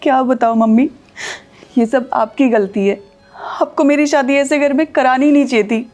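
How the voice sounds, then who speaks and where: A woman's voice: high-pitched, normal speed, darkish tone, soft background music, natural voice. A woman playing an upset married daughter who complains tearfully to her mother. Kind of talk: Hindi short film acting.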